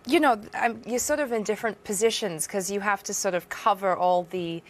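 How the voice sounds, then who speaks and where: A young woman with an Australian accent, a guest actress chatting casually in a TV studio interview, giggly and halting with fillers. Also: mid-range voice.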